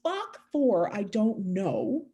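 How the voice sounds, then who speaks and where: Her medium-pitched voice is slightly rough and slow as this Canadian podcast guest chats casually. She's emphatic and animated, spinning stories punctuated by laughs.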